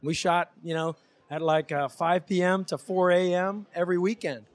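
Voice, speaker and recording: A man's voice: sits high, level tone, moderate pace. A man being interviewed as a filmmaker, chatting in a casual, rambling way. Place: film premiere red carpet at a theater.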